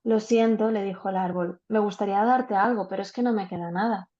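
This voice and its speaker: A gentle, selfless tree speaks softly in a storybook, voiced by a woman reading aloud. The voice is mellow and warm. The audio is dull and lo-fi, like a video call. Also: medium pitch, fairly even intonation, fairly quick, close to an everyday voice. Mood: tender.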